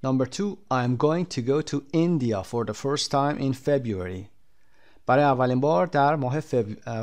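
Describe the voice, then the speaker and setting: A man walks through an English textbook lesson. His English words come slow and deliberate, one at a time, and his explanations run brisk in between. His voice sits at an ordinary middle pitch. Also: a little mellow. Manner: reads English words slowly and carefully, explains quickly in Persian. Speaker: English teacher.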